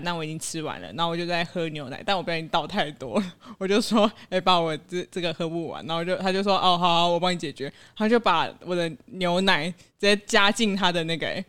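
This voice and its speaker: A speaker telling a short family anecdote in a casual guessing game among friends, playful and soft when narrating. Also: mid-range voice, fast, smooth. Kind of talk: casual chat, storytelling game.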